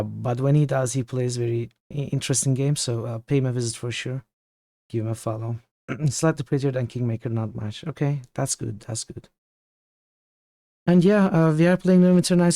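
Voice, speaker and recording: A game streamer, hoarse from illness and losing his voice, chats casually with viewers from his home setup, rambling and halting as he thinks aloud. His voice has an ordinary pitch and a warm tone, and the dry room gives close sound with no echo.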